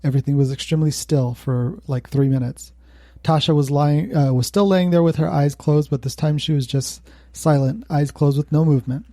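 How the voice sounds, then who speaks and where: A man's voice: on the high side, fairly even intonation, normal speed, dark tone, no echo, clean studio sound. A male podcast co-host telling a spooky story in casual chat, laughing now and then. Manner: laughs while telling a creepy tale.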